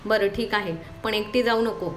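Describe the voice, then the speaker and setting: A woman's voice: medium pitch, fairly even intonation, moderate pace, a little hiss or hum, lightly acted. A woman voicing a playful young man who boasts and teases his sister, read in a storybook telling. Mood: teasing. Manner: boastful, teasing.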